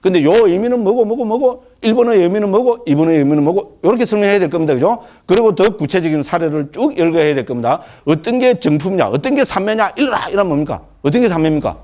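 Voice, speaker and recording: An older man giving a Buddhist lecture as a monk, animated, asking rhetorical questions and checking in with his listeners. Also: high voice, fast talker, few pauses. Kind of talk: dharma lecture.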